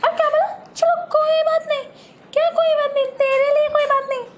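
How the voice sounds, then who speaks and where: A woman doing a shrill, bossy young sister. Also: level tone, brisk, a little hiss or hum. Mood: threatening. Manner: scolding, bickering, threatening. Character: proud hot-tempered young sister, bossy. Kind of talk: homemade comic family sketch.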